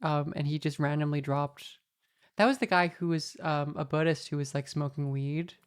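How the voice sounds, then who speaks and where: Low-voiced woman telling wry stories. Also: normal speed, clean tone. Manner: rambling, filler-heavy, wry. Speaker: podcast host. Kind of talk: casual anecdotal storytelling.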